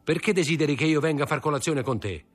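Man reading as a brisk, disdainful young schemer; husky, quick. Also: fairly high pitch, soft background music, pitched above the performer's own voice, lightly acted. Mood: curt.

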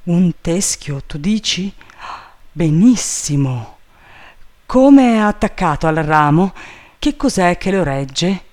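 A man voicing an excitable, anxious male gentleman who shouts urgent orders up a tree. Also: high-pitched, slow, pitched above the performer's own voice. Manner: urgent, agitated calling out.

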